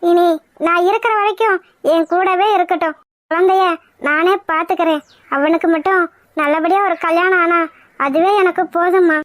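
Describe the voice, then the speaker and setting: A woman's voice: very high-pitched, steady tone, normal speed, pauses often, dry recording, studio quality. A woman voicing a fretful old grandmother in a village cartoon, who scolds her son and frets over the baby. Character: worried old grandmother, fond and fussing.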